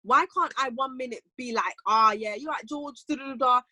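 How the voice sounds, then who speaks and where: A woman's voice: high-pitched, brisk, bright, forceful tone, a little hiss or hum. A woman co-hosting a casual chat, talking with passion and firing off emphatic rhetorical questions. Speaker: co-host.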